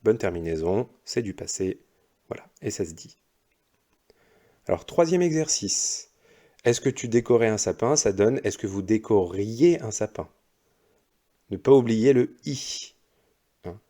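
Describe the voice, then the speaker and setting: A male primary school teacher going over exercise answers slowly and patiently, one step at a time. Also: fairly low pitch, lively intonation, mellow. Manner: slow, patient, explains step by step. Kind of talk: recorded lesson correcting exercises.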